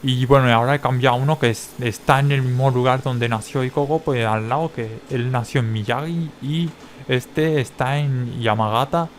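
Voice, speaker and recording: A man with a Spain Spanish accent, a vlogger giving a casual, rambling explanation to his viewers. He keeps tagging his phrases with quick checks for agreement. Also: mid-range voice, steady tone, a little hiss or hum. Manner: rambling, tags many phrases with a questioning check. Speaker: language-learning vlogger.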